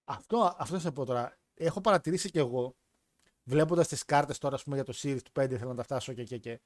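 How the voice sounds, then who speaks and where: A man hosting a casual wrestling podcast, leading the questions and swearing freely in relaxed chat. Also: medium pitch, dry recording. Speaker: podcast host.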